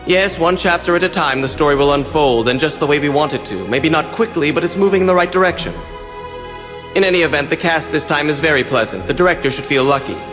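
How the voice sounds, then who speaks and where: A man performs a theatrical villain with grand plans in an anime dub. The voice is fairly high, formal and suave, echoing in a long hall over music. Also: animated, fast talker, lightly acted. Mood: smug, calm.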